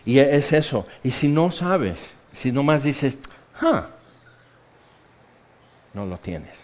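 A man with a Mexican accent preaching a sermon, swinging between loud exclamations and hushed asides. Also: medium pitch, sing-song, takes it slowly. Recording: dull lo-fi recording.

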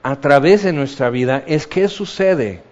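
A man's voice: fairly high pitch, lively intonation, unhurried, darkish tone, dull audio. A man preaching a sermon in a conversational way, often acting out the people he quotes. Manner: conversational, acts out quoted voices.

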